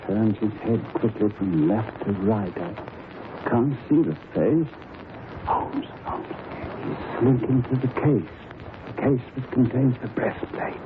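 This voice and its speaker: A man playing an excitable, genial gentleman doctor and storyteller in a 1930s radio drama. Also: lowish voice, takes it slowly. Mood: alarmed, breathless suspense. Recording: noisy, tinny 1930s radio recording.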